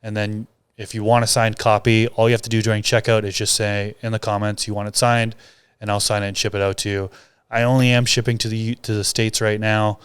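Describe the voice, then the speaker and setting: A man co-hosting a podcast, speaking in an even, plain-spoken casual chat. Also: on the low side, a little fast, clear, resonant tone, no room sound. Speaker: podcast co-host and book author.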